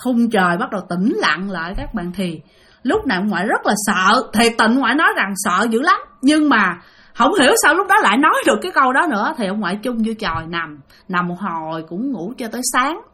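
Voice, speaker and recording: A woman's voice: fairly high pitch, animated, a little fast, sharp tone, breathy edge. A woman telling a ghost story in a chatty way and speaking directly to her listeners. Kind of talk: spoken ghost-story narration.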